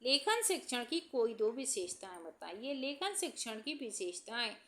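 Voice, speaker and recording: A young woman teacher reading out exam questions and answering each one, slowing down to list examples. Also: a little high, very animated, a bit bright. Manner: reads each question, then answers it slowly, listing examples.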